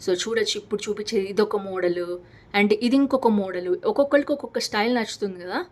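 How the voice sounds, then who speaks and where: Fast-talking chatty Telugu woman vlogger. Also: mid-range voice. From Hyderabad, India. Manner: chatty, enthusiastic, mixes English words into Telugu. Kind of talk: casual product unboxing vlog.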